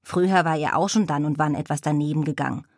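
A woman reading a children's storybook aloud in a calm, even storytelling manner. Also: deep voice, fast, no echo, studio quality. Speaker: audiobook reader. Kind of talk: storybook narration.

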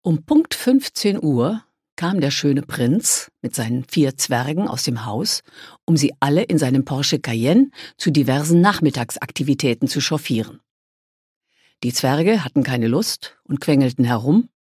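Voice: mid-range voice, darkish tone, husky, dry recording, clean studio sound. An audiobook narrator reading a novel aloud in a lightly amused storytelling manner.

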